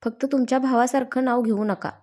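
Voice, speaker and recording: A woman's voice: on the high side, steady tone, brisk, darkish tone, natural voice. Woman voicing a teasing sister-in-law. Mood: playful. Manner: playful, coaxing.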